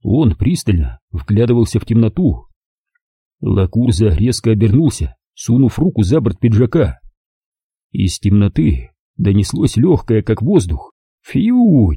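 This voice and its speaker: A man with a very dark, husky voice reading a crime thriller with lively, shifting intonation. The recording is close and dry, with no room sound. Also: on the low side, unhurried, no echo. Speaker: audiobook narrator. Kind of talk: dramatic scripted narration.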